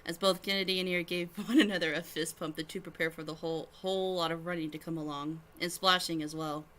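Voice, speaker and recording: A woman's voice: on the low side, fairly even intonation, fast talker, fairly bright tone. A woman streamer reading her fan fiction aloud, giggling and breaking off to explain to friends.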